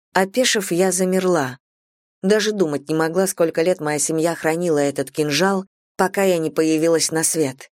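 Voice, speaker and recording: A woman reading a first-person fantasy novel aloud, expressive and sharp in the heroine's retorts. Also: low voice, no echo, studio quality. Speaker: audiobook narrator.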